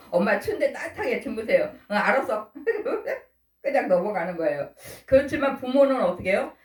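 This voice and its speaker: A woman in her sixties preaching a sermon, telling homely family stories and laughing often. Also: medium pitch. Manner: folksy storytelling, laughing often. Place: church. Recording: echoey church hall from far off.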